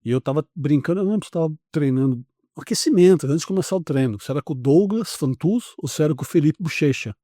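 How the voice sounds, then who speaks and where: A Brazilian man in his forties tells a story as a podcast guest, acting out the other people's lines with animation. His voice sits fairly high but has a mellow, warm tone. The recording is close and dry. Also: expressive, quick pace, few pauses, no room sound. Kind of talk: casual storytelling.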